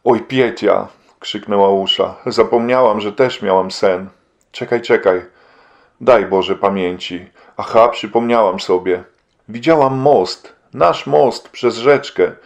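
A man's voice: on the low side, lo-fi sound. A man reading an audiobook and voicing an anxious, devout wife who speaks in an earnest, pleading way.

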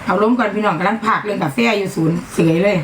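A woman's voice: mid-range voice, very fast, echoey room, noisy background. Blunt chatty woman with an Isan accent. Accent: Isan Thai. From Northeast Thailand. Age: middle-aged. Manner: chatty, blunt, scolds and apologizes on air. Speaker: live-stream seller. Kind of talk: live-stream sales chat. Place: upper floor of a home.

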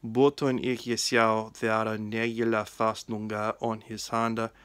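A middle-aged man reading the Gospel aloud in Old English pronunciation, in a measured, deliberate recitation. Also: on the low side, flat delivery, fairly bright tone, clean tone, no room sound. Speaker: reader. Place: small indoor room. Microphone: phone at arm's length.

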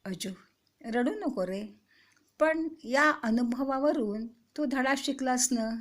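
A woman's voice: high voice, slow. A woman voicing a caring older sister who coaxes and teaches small boys in a children's story. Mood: coaxing. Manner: earnest, coaxing, motherly.

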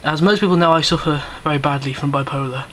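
A man's voice: a little high, fairly even intonation, fast, a bit bright, slight background noise. A man giving rambling, cheeky unboxing commentary on camera, a bit out of breath. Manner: rambling, chatty, cheeky and self-mocking. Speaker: YouTuber. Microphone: camera mic.

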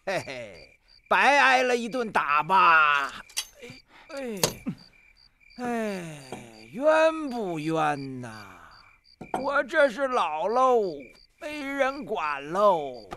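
Whiny old man in a kung fu drama, groaning and wheedling, voice swoops around, slow drawl. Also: sits high, sing-song, sharp tone, a little hiss or hum, full character voice. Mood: mocking, moaning. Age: older.

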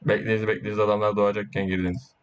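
A man giving casual, excitable gameplay commentary, boasting and swearing while urging his teammates on. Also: lowish voice, racing, clear, resonant tone, highs cut off. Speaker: gaming YouTuber.

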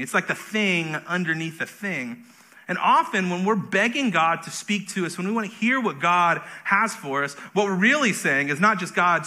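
A man's voice: sits high, bright, forceful tone. A man preaching a conversational sermon as pastor, with self-deprecating humor.

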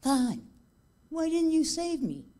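A woman's voice: high-pitched, very animated, slow, mellow, voice pushed up, exaggerated voice. A woman voicing a stubborn man in a joke who keeps refusing rescue, in a raised, insistent voice.

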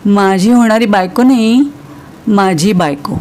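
A woman voicing a calm, evasive young married man who answers in a cool, matter-of-fact way. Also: medium pitch, a little slow, slight background noise, natural voice. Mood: teasing.

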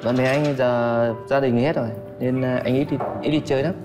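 A man's voice: medium pitch, steady tone, a little fast. A man on a dating show, terse and plain-spoken, answering in short phrases. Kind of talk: casual chat on a first date. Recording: studio sound with loud music.

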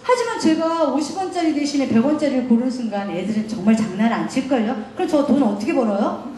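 A woman's voice: high voice, expressive, fast talker, mellow, very echoey, a little hiss or hum. A woman putting on the voice of a cheeky, clever village boy in a story she tells.

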